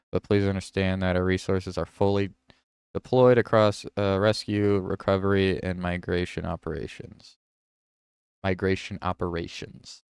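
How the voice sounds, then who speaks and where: A man's voice: low voice, clear, resonant tone, no room sound, clean studio sound. A man hosting a livestream, reading news headlines aloud and reacting to them, with self-corrections. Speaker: livestream host.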